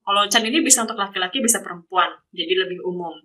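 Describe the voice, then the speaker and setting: Bright-voiced woman teaching casually. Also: medium pitch, fast talker, rough recording. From Indonesia. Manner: explains step by step with many examples, chatty. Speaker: guest speaker teaching Japanese. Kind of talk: casual online lesson. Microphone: video call.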